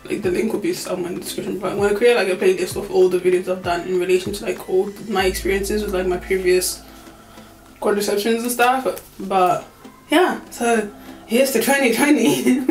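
A vlogger of 24 chats to a camera on a tripod inside a small room, her casual talk full of fillers and laughter. Her voice sits in the mid range, and the rough recording has a roomy sound.

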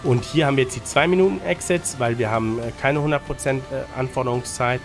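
A fast-talking man with a medium-pitched voice and a touch of a cold gives casual gameplay pointers. He creates gaming guides and streams, speaking colloquially with English gaming slang and frequent tag questions while music plays in the background.

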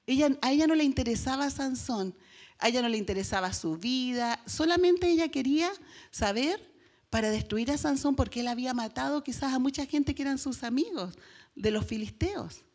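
A woman's voice: sits high, moderate pace, darkish tone. A woman pastor with a Chilean accent, preaching a sermon and telling a Bible story, acting out the quoted lines in a raised voice and putting rhetorical questions to the congregation.

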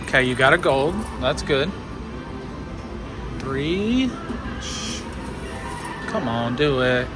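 Casual man commentating over loud casino music. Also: medium pitch, expressive, slow pace, pauses often. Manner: counting along and urging the game on in short bursts. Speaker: slot machine vlogger coaching a friend. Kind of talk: casual live gambling commentary. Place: indoor casino floor at a slot machine. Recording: music playing in a busy casino. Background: loud casino machine music.

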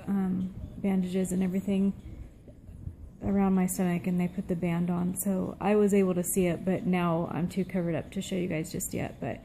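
A middle-aged woman giving a casual update to camera, sounding tired, subdued and weak after surgery, with a gravelly, low-energy voice. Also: mellow, a little hiss or hum. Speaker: vlogger. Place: small room at home, seated indoors. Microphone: phone at arm's length.

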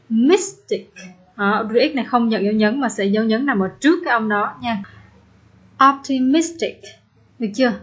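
A woman teacher explaining an exam step by step, repeating example words slowly and patiently. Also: on the high side, slightly rough. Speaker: English teacher. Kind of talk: exam-prep lesson.

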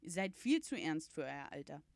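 A woman's voice: low voice, big pitch swings, moderate pace, vocal fry, dry recording, full character voice. A woman reading a cheeky jovial uncle. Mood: cheerful teasing. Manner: playful, teasing, exclaiming. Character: cheeky jovial uncle, a pharmacist, middle-aged man.

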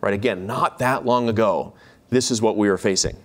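A man's voice: on the low side, fairly quick. A man giving a keynote lecture on a hall stage, chatty and jokey, with many fillers and restarts. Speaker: keynote speaker, instructor.

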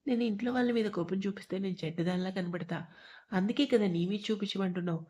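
A young woman from a spoken love story, quick to sulk and quick to tease, read by a woman. Her lines lean affectionate and sarcastic. The voice is mellow rather than bright. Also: medium pitch, lightly acted. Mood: pouting. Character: young woman, emotional, playful and sulky.

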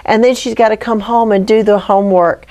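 A woman's voice: mid-range voice, steady tone, brisk, mellow. Earnest preacherly woman guest. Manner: earnest, preacherly, rising to pleading near the end. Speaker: guest, ministry founder.

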